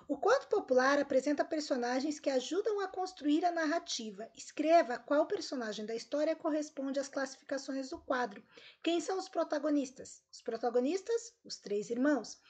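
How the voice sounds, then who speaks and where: A high-pitched female voice at ordinary speed belongs to a teacher with a Brazilian Portuguese accent. She's lively and cheerful in this recorded lesson, speaking directly to her students as they go over the homework answers together.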